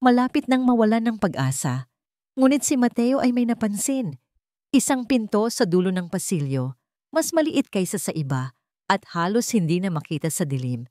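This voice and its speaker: A woman with a Filipino accent narrates a scripted story in a dramatic style, sounding very animated. Her mid-range voice is a little mellow and her pace moderate, captured as clean studio sound with no room sound.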